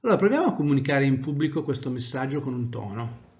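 A male trainer giving an animated lecture, swinging from loud to soft to demonstrate tone. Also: medium pitch, fast, highs cut off. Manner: animated, varies volume widely, demonstrates tones of voice.

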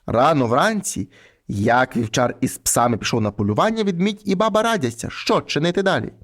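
A man reading a folk fairy tale aloud in an expressive storytelling manner. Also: fairly high pitch, brisk.

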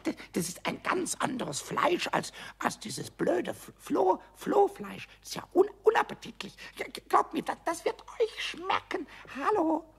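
Mischievous little kobold, radio play, stammering, giggly, wildly swooping pitch. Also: sing-song, unhurried, creaky, hardly any pauses, exaggerated voice. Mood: excited chatter.

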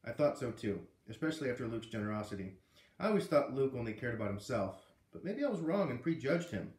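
A very animated man in his thirties rattles quickly through a storybook read-aloud in his living room, his medium-pitched voice a little mellow and full of chatty asides. A camera a few feet away records the roomy, echoey home audio.

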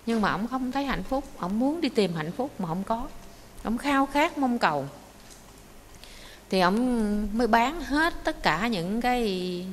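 Nun telling a dharma story. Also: female voice, mid-range voice. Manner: lively storytelling with rhetorical questions. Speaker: Buddhist nun teacher. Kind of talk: dharma talk. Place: meditation monastery hall. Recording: echoey hall with faint noise.

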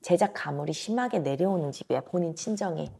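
A woman's voice: low-pitched, expressive, fairly quick, vocal fry, warm tone, slightly rough. A woman in her thirties giving a blunt, emphatic fortune-telling reading to a client, speaking into a lapel mic in a small indoor office. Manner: blunt, emphatic, talks down informally. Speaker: fortune teller.

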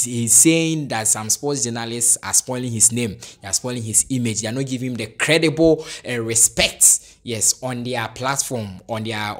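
A man's voice: mid-range voice, a bit bright. A man with a Ghanaian English accent hosting a solo sports news commentary, often saying "yes" and restarting his sentences. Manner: repetitive, punctuates with "yes", frequent restarts, chuckles. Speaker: sports channel host.

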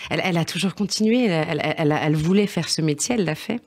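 A woman's voice: sits low, very fast. A woman answering as a guest on a radio show, hesitant and restarting her sentences. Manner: hesitant, many restarts and fillers. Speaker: guest singer and actress. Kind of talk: casual interview answers.

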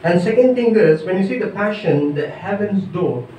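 A man in his thirties preaches from a church pulpit, his voice pitched high and swinging widely in emphatic bursts. He is heard from a distance in a very echoey hall with faint background noise. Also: lively intonation, moderate pace, mellow. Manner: emphatic preaching, frequent hallelujahs. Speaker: pastor. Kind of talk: sermon. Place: large church stage at a pulpit.

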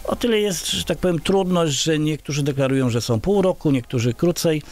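A middle-aged Polish man, a local village head, answers interview questions in a small indoor radio studio, full of filler sounds and restarts. His voice is a little high, a little mellow, and fairly quick. He speaks into a large studio microphone on a boom arm.

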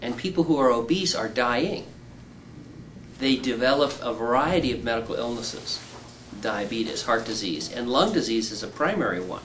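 A middle-aged surgeon specializing in weight loss walks patients through an operation indoors, using simple words and everyday comparisons with patience. He speaks at a moderate pace in a medium-pitched, slightly bright voice with lively intonation, recorded poorly with a bit of background noise.

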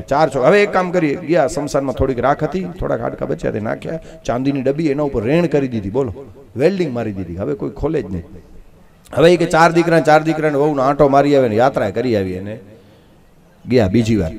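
At a live katha, a Bhagavat katha preacher with a Kutchi Gujarati accent tells a religious story. His tone is somewhat dark, and he acts out the characters with sudden jumps in pitch.

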